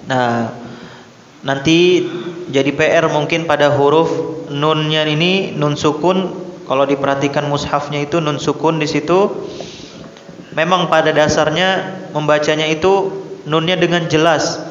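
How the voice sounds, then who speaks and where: A man teaching a Quran recitation class in a mosque hall, patiently correcting students and modeling letter sounds slowly. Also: a little high, steady tone, a little hiss or hum. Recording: echoey hall, dull lo-fi sound.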